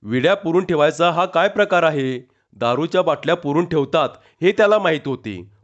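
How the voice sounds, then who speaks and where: Casting: male storyteller, expressive comic reading, slightly high voice, dull lo-fi recording. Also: brisk. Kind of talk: reading a humorous short story aloud.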